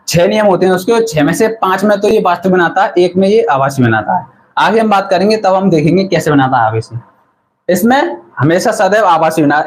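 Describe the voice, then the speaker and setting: A man with a fairly high voice teaches a physics class during an online stream. He asks a question, then answers it himself and says the term again for the viewers to note down. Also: rough recording. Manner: repeats key terms and quizzes the viewers. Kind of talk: live online lesson.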